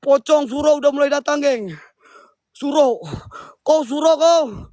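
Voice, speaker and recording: High-voiced man calling out. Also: measured pace, no room sound, clean studio sound. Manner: loud excitable calling out, slangy banter with the crew. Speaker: ghost-hunting vlogger. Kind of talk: casual night-time ghost-hunt vlog. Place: forest at night, outdoors.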